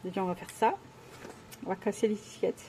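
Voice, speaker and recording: A woman's voice: medium pitch, fairly even intonation, brisk, warm tone, slight background noise. A woman vlogger chatting casually while unboxing at home, gushing with exclamations and often hesitating.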